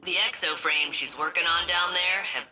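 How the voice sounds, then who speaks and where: An actress playing a chatty, joking ship AI in a video game. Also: female voice, on the low side, sharp tone. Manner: chatty, joking, quick asides. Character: chatty female ship AI, jokey and eager. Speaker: game character. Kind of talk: video game cutscene dialogue.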